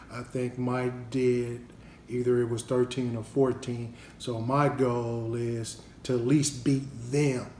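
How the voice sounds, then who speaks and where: A man talks his way through an eating challenge on his family vlog, chatty and in no hurry. His voice sits at an ordinary middle pitch. The room is echoey, with a faint hiss behind him. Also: gravelly. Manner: relaxed, unhurried, chatty with fillers. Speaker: family channel vlogger.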